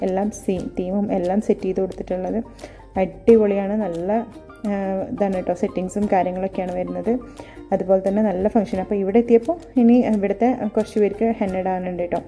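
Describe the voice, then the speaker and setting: Malayali woman, casual vlog narrator, very quick and mellow, mixes English words into her Malayalam, faint music underneath. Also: mid-range voice. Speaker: henna artist and vlogger.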